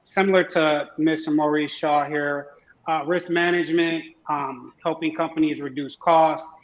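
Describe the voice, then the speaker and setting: A man talking casually as a guest on an online show, pausing often with ums and uhs. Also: fairly high pitch, a bit bright. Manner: hesitant, many ums and uhs. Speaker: guest husband. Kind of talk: casual video-call chat. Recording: roomy, dull lo-fi sound.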